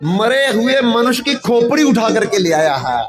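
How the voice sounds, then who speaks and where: A man playing a wise old holy man in a spoken religious story, calm and explaining. The voice sits very high and moves slowly. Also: exaggerated voice.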